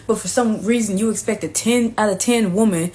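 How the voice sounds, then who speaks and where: A woman's voice: mid-range voice, brisk, warm tone. Brash, profane woman ranting to camera. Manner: brash, sassy and profane, often adds "okay?". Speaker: vlogger. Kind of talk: profane comedic rant to camera.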